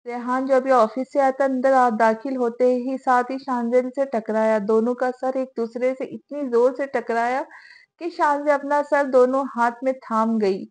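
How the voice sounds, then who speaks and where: A woman narrating a romance novel aloud in a steady storytelling manner. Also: high-pitched, normal speed.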